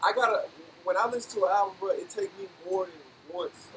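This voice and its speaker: A man's voice: high voice, brisk. A man in a casual chat who talks in slang and repeats his points. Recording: noisy room recording.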